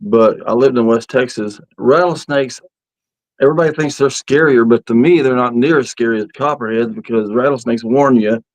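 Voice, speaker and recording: A man in his fifties, mid-range voice at a normal speed, casually rambles through folksy stories while live-streaming outdoors about camping. The recording is dry and low in quality.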